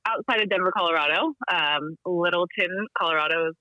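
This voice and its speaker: A woman in her thirties from Texas speaks in a lowish, fairly quick, pushed and bright voice as a podcast guest calling in from her home in Littleton, Colorado. She chats casually in an interview, with frequent ums and laughs. The remote call-in line gives dull, dry audio with no room sound.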